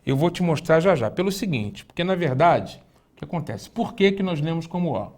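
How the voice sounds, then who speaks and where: Didactic man, slightly high voice. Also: animated, a little mellow. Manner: didactic, addresses the student directly, slow careful spelling-out of words. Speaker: Hebrew teacher. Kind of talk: recorded online lesson.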